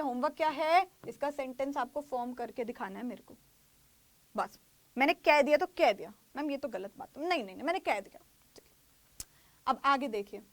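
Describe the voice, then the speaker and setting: A woman teaching English grammar online, explaining in Hindi, repeating phrases slowly and acting out little skits. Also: high-pitched, a bit bright.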